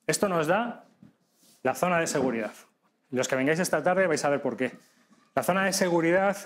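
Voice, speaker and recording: A man teaching a live podcasting workshop to an audience, lively and demonstrative, often checking in with quick questions. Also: on the high side. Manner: lively, demonstrative, addresses audience directly with frequent tag questions.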